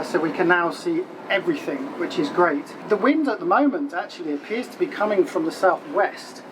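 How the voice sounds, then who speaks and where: A man giving a casual, explanatory sailing vlog in an understated way. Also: sits high. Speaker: sailing vlogger. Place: aboard a sailing boat at sea. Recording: noisy boat with engine and water.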